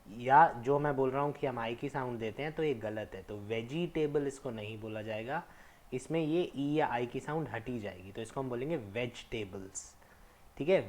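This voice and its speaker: A young man teaching English pronunciation, stressing each word slowly and setting wrong forms against right ones. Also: medium pitch, darkish tone. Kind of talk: explanatory lesson mixing Hindi and English.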